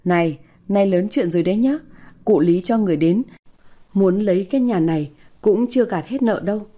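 A woman voicing a scheming middle-aged stepmother who scolds in a sharp-tongued way. The figure is shrill and quick to pick fights. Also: natural voice. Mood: scolding.

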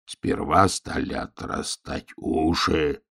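Sad old wolf, low and gravelly, slow and soft; played by a male reader. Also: fairly even intonation, heavily acted. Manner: slow, mournful and quiet.

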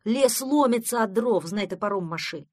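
A woman voicing a grumpy, hardworking forest man in a children's audiobook, gruff and scoffing. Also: mid-range voice, expressive, normal speed, a little mellow, no echo, clean studio sound, close to an everyday voice.

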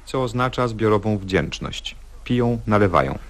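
A man narrating a radio comedy sketch, reading its stage directions in a dry, deadpan manner. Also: on the low side, moderate pace, heavy background noise.

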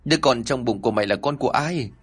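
A man voicing a desperate mother who begs and wails, in a raised, husky voice. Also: medium pitch, fast talker, close to an everyday voice. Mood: pleading. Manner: begging, wailing. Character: desperate pleading mother of a daughter.

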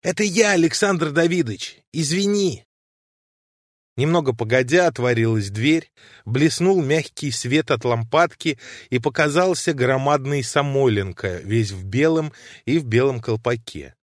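A man narrating classic literary prose in a measured, even reading voice. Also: medium pitch, dry recording, studio quality. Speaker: audiobook narrator.

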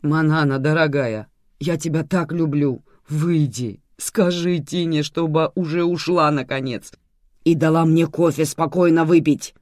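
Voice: medium pitch, steady tone, measured pace, darkish tone, no echo, studio quality, lightly acted. A reader voicing a melodramatic older man who pleads and complains in an audiobook. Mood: pleading. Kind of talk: audiobook character voice.

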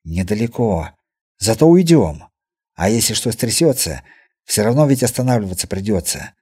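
A man reading the lines of a wary male caravan guard who speaks low and uneasy. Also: very animated, moderate pace, mellow, husky. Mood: uneasy, hushed.

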